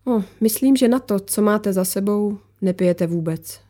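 A woman voicing a mysterious female visitor who speaks calmly and matter-of-factly, as if she knows everything. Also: mid-range voice, close to an everyday voice. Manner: calm, matter-of-fact, knowing. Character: calm mysterious woman visitor, knowing and unruffled.

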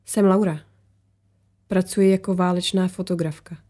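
A woman's voice: lowish voice, fairly even intonation, mellow, lightly acted. A woman voicing a tense, guarded war photographer who snaps back defensively. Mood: agitated. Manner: defensive, snapping, agitated.

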